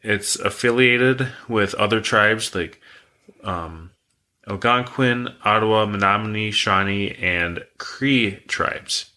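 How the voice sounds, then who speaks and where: Low-voiced man telling a creepy tale. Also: slow. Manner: relaxed, rambling, reads facts aloud. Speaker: podcast co-host telling the story. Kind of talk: casual podcast storytelling.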